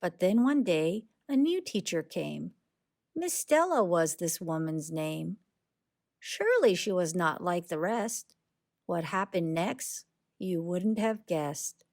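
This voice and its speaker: In a lowish, creaky voice, a woman reads a rhyming children's picture book aloud with expressive, deliberate storytelling.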